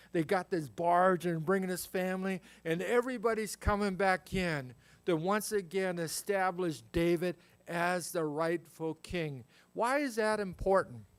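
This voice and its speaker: A man with a fairly high voice teaches a Bible passage verse by verse as a pastor. He reads the scripture, then talks it through in a relaxed, folksy way, like he is chatting with his congregation.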